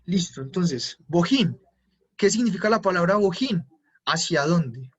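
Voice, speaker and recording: Man, German teacher, patient and repetitive, slightly high voice, muffled lo-fi recording. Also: animated, unhurried, fairly bright tone, slightly rough. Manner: patient, repeats each word pair and checks for questions. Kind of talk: live online class explanation. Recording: muffled lo-fi audio.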